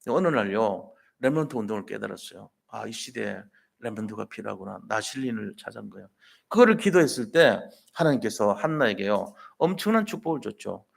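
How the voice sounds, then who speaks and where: A man's voice: fairly high pitch, gravelly. A man preaching a Sunday sermon in a colloquial storytelling way, pressing his listeners with emphatic rhetorical questions. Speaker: pastor.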